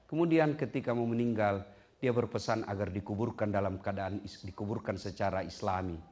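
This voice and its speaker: A man preaching a lively sermon to a congregation. He asks the listeners direct questions and swings between low, hushed storytelling and high, loud punchlines. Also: fairly quick. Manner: addresses the audience directly with questions. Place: community gathering hall.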